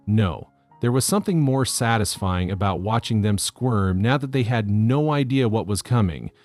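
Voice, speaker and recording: A man calmly reading out a first-person story as scripted narration. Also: lowish voice, moderate pace, faint music behind.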